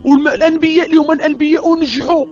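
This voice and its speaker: A woman's voice: high-pitched, fairly even intonation, rapid-fire, a little mellow, dull audio, faint music behind. A woman with a Moroccan Arabic accent preaching to women, impassioned and pleading, asking many rhetorical questions. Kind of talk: religious exhortation to women.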